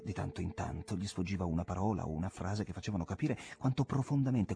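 A man with a low voice narrates a literary novel in a measured, reflective way. His reading is close to a studio microphone and paced with care. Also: warm tone, slightly rough. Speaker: audiobook narrator.

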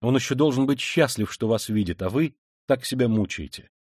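Calm, firm young woman, quiet and soothing; male narrator plays her, dry read. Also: medium pitch, brisk, breathy edge, dry recording, lightly acted. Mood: gentle.

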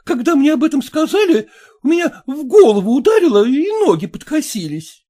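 A man's voice: very high-pitched, big pitch swings, a little fast, warm tone. Man doing a nagging, fussy mother. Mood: scolding. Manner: nagging, scolding, fretful. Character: scolding, fussy middle-aged mother. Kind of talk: audiobook character voice.

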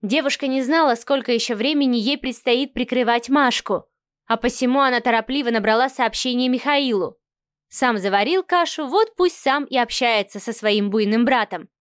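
A woman narrating an audiobook in a lively storytelling way. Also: fairly high pitch, normal speed, no room sound, studio quality.

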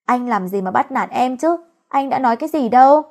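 Woman voicing a young husband, playful, coaxing, high-ish voice, storybook romance. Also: lively intonation, fairly quick, darkish tone.

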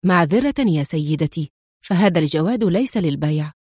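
A composed, quietly mocking male agent from an audiobook thriller, put on by a woman reader. He speaks steadily and drily, in a voice pitched down below the reader's own. The sound is close and dry, with no room around it. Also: a little fast, no echo. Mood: calm. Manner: calm, dry and mildly mocking. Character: calm, sardonic male secret agent.

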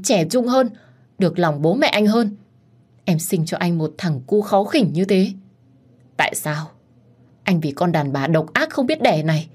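A woman voicing a jealous young mistress, shrill and spiteful, raising her pitch well above her usual low voice. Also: husky. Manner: shrill, whining.

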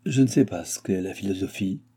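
A man's voice: sits low, fairly quick, mellow, slightly rough. A man voicing a serious, reserved young noblewoman who answers curtly, in an audiobook. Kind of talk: audiobook character voice.

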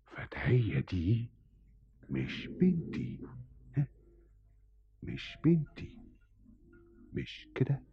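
A man's voice: fairly low pitch, wildly swooping pitch, a little slow, gravelly, pauses often, heavily acted. A broken, raving old pasha father. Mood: distraught. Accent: Egyptian Arabic. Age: older. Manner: broken, repeating denials, trembling. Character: proud older pasha father breaking down, raving. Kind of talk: 1970s radio drama acting. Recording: dull old radio recording.

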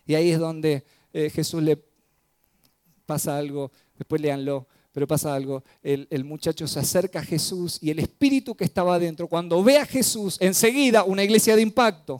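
Un pastor con acento predica un sermón narrativo y dramático, alternando entre pasajes fuertes y suaves y frenando para enfatizar. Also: male voice, fairly high pitch, no room sound. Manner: dramatic storytelling, swings loud and soft, slows for emphasis. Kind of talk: sermon.

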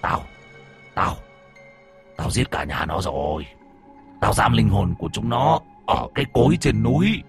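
A man voicing the vengeful ghost of a murdered orphan boy, snarling and swinging from low hisses to shrieks. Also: animated, a little slow, pauses often, faint music behind.

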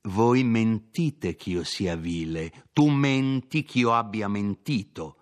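A man voicing a proud, hot-tempered gentleman who answers an insult with measured defiance in a storybook reading. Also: lowish voice, voice pushed up. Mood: defiant.

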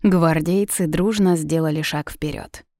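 Woman narrator, audiobook reading, low mellow voice, dry close sound, measured. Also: dry recording. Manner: even, measured storytelling.

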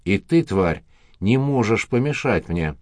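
A man's voice: lowish voice, expressive, measured pace, a little mellow, no echo, clean studio sound. A man voicing a drunken, menacing middle-aged husband who speaks with a slight slur and a sneer.

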